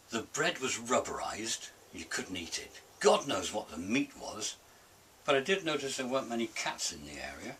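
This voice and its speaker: A man's voice: on the low side, bright, forceful tone. An older British man delivering a comic grumbling monologue in an indignant, curmudgeonly grumpy-old-man manner, emphatic, with a slight hiss on his S sounds. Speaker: host of a comic rant series. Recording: distant mic with faint hiss.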